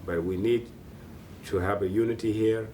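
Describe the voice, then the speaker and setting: A man speaking calmly and firmly in a documentary interview. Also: lowish voice, moderate pace, slight background noise.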